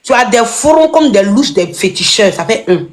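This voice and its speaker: A woman's voice: medium pitch, lively intonation, normal speed. Teasing Ivorian woman on a phone live. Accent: Ivorian French. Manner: teasing, mocking insults, laughs while talking. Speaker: TikTok live streamer. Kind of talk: casual mocking banter on a live stream.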